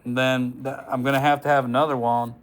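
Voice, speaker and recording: Speaking fairly quickly, this man has a medium-pitched voice with little rise and fall. In his physics lecture he banters with the class and talks chattily through a worked example, going over the arithmetic step by step.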